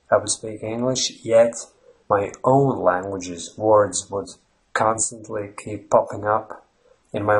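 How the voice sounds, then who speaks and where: In a rough recording, a lowish-voiced man from Latvia, speaking with a Latvian accent, runs a language-learning channel from Ireland and delivers a long, rambling, unscripted explanation full of fillers and restarts.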